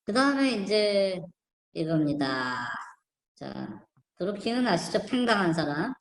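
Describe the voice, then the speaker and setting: A woman with a lowish voice speaks unhurriedly, her pitch swinging widely. She hosts an online channel and comments casually on images on screen, rambling and skeptical, full of fillers and restarts. The room is echoey.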